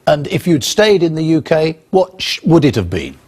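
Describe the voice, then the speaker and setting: A man presenting the news and interviewing a guest with polite, measured questions. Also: fairly high pitch, very animated, darkish tone, husky.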